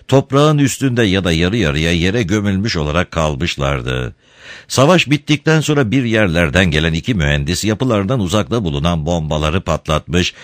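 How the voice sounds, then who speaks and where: A man narrating a storybook, reading with expressive, dramatic pacing. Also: deep voice, no room sound, clean studio sound.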